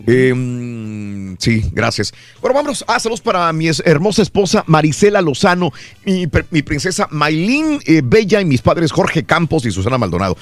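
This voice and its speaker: A man's voice: on the high side, moderate pace, dry recording, faint music behind. A man with a Mexican accent hosting a radio show, chatting casually and reading out listener greetings from the booth. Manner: relaxed, reads listener greetings. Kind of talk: casual radio chat and shout-outs.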